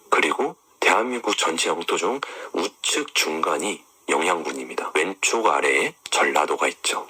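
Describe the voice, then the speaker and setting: A deep-voiced man with a sharp, forceful edge and a slightly husky grain. His pitch swings a lot as he talks straight to his viewers. He points them through images on screen and keeps throwing rhetorical questions at them. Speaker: online commentator. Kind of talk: explanatory monologue to viewers.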